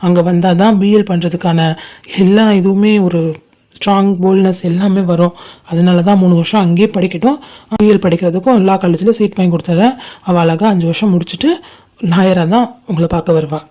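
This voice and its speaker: Woman voicing a calm young husband. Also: fairly low pitch, a little fast, lightly acted. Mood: persuasive. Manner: steady, soothing, explains patiently. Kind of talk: amateur cartoon voice acting.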